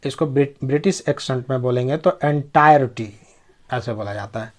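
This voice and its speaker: A man's voice: mid-range voice, a little fast, darkish tone. A man giving a pronunciation lesson, spelling words out letter by letter, repeating each word and checking that his listeners follow. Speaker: English pronunciation teacher.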